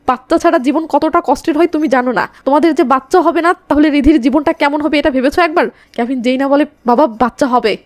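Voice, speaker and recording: Quick, high-voiced woman narrating. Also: no echo. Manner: chatty, quick, with playful asides. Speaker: movie recap narrator. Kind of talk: casual storytelling narration.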